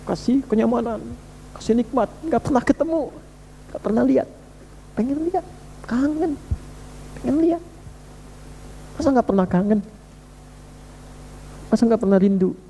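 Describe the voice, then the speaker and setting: A man preaches a sermon in a fairly high, mellow voice. He talks to his listeners directly and conversationally, hammering his points home with repeated rhetorical questions. A faint hum sits behind him. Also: lively intonation, normal speed, pauses often, big-room sound.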